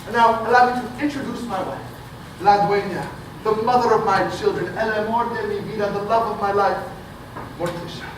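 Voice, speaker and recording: A man's voice: high voice, fairly even intonation, fairly quick, natural voice. A man playing flamboyant Gomez Addams. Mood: grandiose. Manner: grandiose, showy storyteller. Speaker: actor in a stage musical. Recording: echoey theatre audio from far off, noisy.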